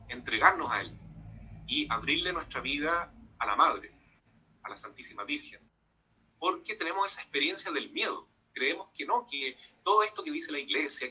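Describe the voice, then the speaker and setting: A man, a priest, giving a conversational sermon-style talk to young people, often tagging sentences with little questions and filling pauses. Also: mid-range voice, bright, forceful tone, slightly rough, low-quality recording. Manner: conversational preaching with frequent tag questions and fillers. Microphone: video call microphone.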